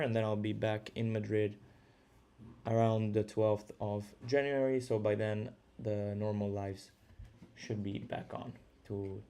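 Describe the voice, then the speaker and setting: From his home, a young Italian man hosts a live trading stream, talking casually and thinking aloud with plenty of fillers. His Italian-accented voice is lowish and mellow, with a little hiss or hum.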